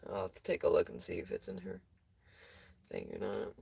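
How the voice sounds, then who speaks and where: A woman's voice: extremely low pitch, sing-song, fairly quick, gravelly, darkish tone, slightly rough. A young woman chatting casually with viewers on a livestream, tired and rambling, with a close phone mic.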